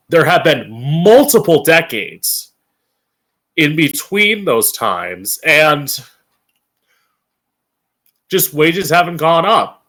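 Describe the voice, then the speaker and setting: The voice is a man's, fairly high in pitch with a sharp tone. He's an American from Florida hosting a political commentary show as a drag queen, giving a blunt, sassy, campy and opinionated monologue to camera, swearing along the way.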